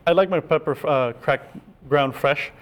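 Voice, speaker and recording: A man, a chef, explaining oyster sauces in a cooking demonstration, with frequent restarts and filler words. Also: a little high. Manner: quick, halting explanations with many restarts. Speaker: chef guest.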